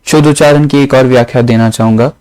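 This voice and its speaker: A man teaching a lesson on the grammar and pronunciation of scripture, explaining slowly and repeating each point in other words. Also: medium pitch, steady tone, darkish tone, smooth, no echo, rough recording. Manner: slow, explanatory, repeats phrases with synonyms.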